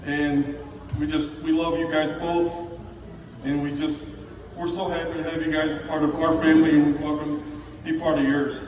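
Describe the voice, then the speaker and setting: A middle-aged man giving an informal, heartfelt father of the bride speech to wedding guests, plainspoken and a little halting. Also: fairly high pitch, level tone. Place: large reverberant indoor reception room with background noise. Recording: echoey noisy hall, picked up from far off.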